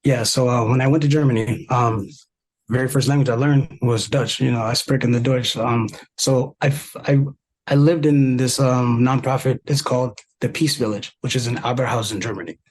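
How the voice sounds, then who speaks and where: A man in his thirties from South Sudan, a podcast guest telling his story in a relaxed, casual way with many fillers and restarts. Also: mid-range voice, normal speed, slight background noise, poor audio. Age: 30s.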